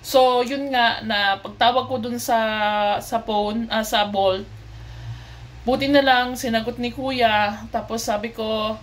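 Chatty Filipina vlogger, slightly high voice. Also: female voice, steady tone, takes it slowly, slight background noise. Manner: chatty, mixes in English, many fillers and restarts; polite, addresses viewers often. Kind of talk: casual storytelling to viewers.

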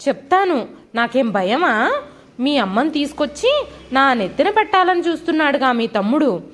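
Storybook nagging wife, high and animated, read by a woman. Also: normal speed. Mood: scolding. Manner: nagging, sarcastic, loud. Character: quarrelsome middle-aged wife, sharp-tongued.

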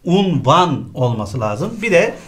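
A man's voice: medium pitch, lively intonation, fairly quick. A man teaching a spelling lesson for exam prep, quizzing a colleague and repeating each correct answer.

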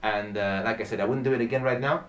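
A young Romanian man, a native speaker of Romanian, talks fast and at length in a casual podcast interview where he is the guest, a classical guitarist. His voice is lowish and his tone steady. He's recorded on a distant mic in a small indoor room with a curtain and shelves.

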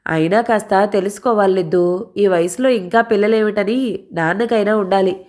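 A woman's voice: medium pitch, normal speed, a little mellow, lightly acted. A woman reading a scornful young wife. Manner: scornful, dismissive. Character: sharp-tongued, cheeky young married woman.

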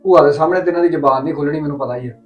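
A man's voice: on the high side, very fast, lo-fi sound, soft background music. A man with a Punjabi accent playing a stubborn husband speaking over the phone in a family drama, grumbling.

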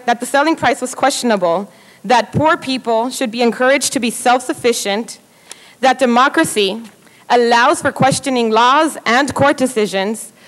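Female speaker, higher voice, formal, pointed. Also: poor audio. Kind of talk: public comment speech.

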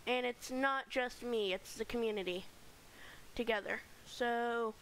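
Female gaming host, high voice, chatty let's-play commentary, home mic with light hiss. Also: unhurried, fairly bright tone, low-quality recording. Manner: chatty, rambling tour-guide narration with fillers.

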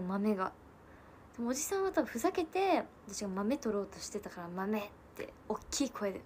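There's a little hiss or hum behind this Japanese woman in her twenties as she talks casually on a livestream. In a medium-pitched voice, she tells stories about her family, answers comments, and laughs a lot between soft asides.

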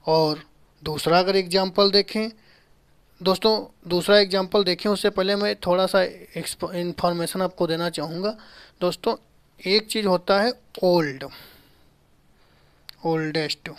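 Man, thirties, grammar teacher, slow deliberate delivery, repeats terms, rhetorical questions, small room, camera a few feet off. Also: high voice, steady tone, smooth. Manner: explains slowly, repeats key terms, asks rhetorical questions. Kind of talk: whiteboard grammar lesson. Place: small indoor room at a whiteboard.

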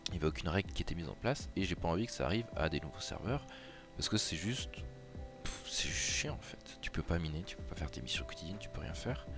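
A man with a very low voice talks through a game tutorial in a casual, rambling way, full of hesitations and restarts. Faint music plays underneath his voice. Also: expressive, quick pace. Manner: chatty and hesitant, many fillers and restarts. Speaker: gaming YouTuber. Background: background music.

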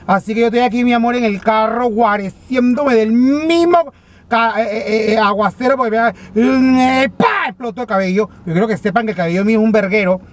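In this comedic monologue, a vlogger with a Panamanian accent voices a dramatic, self-absorbed female TV personality, indignantly griping and stammering from a parked car. The pitch is medium and the delivery a little fast, close to an everyday voice.

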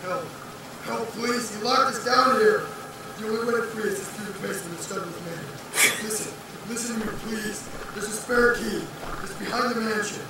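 A man's voice: high voice, moderate pace. An actor playing a panicked trapped man who begs for rescue in breathless, frantic pleas. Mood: desperate. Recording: echoey game audio from far off, noisy.

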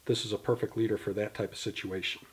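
In a small indoor studio, in front of a banner, a man in his fifties appears as a guest from a tackle company and explains products in detail while gesturing with them in hand. His voice is on the low side, slightly rough, level and fast, and the interview is filmed on a camera mic.

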